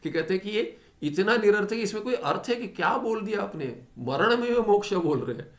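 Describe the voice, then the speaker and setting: Animated man teaching scripture. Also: sits high. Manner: animated, full of rhetorical questions; chants Sanskrit lines slowly. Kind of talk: explaining a Sanskrit philosophy text.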